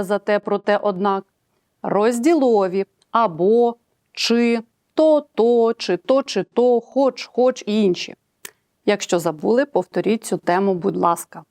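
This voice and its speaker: Measured woman teaching grammar, dry sound. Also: mid-range voice, darkish tone, dry recording. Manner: clear, measured explaining, reads examples aloud and breaks them down. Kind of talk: recorded grammar lesson.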